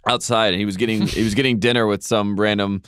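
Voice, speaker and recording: A man's voice: fairly low pitch, steady tone, fast, fairly bright tone, clean tone, no echo, studio quality. A man co-hosting a podcast, telling stories in a wry, joking way in casual chat. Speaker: podcast co-host.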